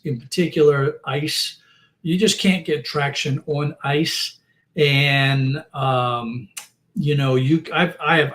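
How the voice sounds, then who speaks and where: A man's voice: medium pitch, fairly bright tone. A middle-aged man hosting a casual livestream chat, rambling and friendly, with many fillers and restarts. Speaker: host.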